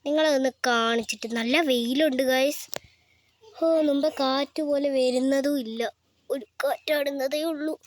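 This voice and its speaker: A high-voiced young woman speaks at normal speed and in a steady tone on a walking vlog, holding her phone as she goes along the windy roadside near her house. A vlogger and parent, she's chatty, calls viewers "guys," and encourages them to subscribe.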